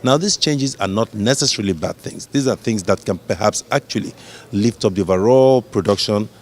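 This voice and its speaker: A man's voice: lowish voice, brisk. A man who explains the reasons behind a conference in an interview, with some restarts. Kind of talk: interview answers.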